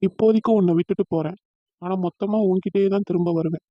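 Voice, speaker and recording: An earnest, lovesick young man in a cartoon, voiced by a man. He speaks tenderly in a high, flat voice. The recording is dull and lo-fi. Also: fast talker, slightly rough, dry recording.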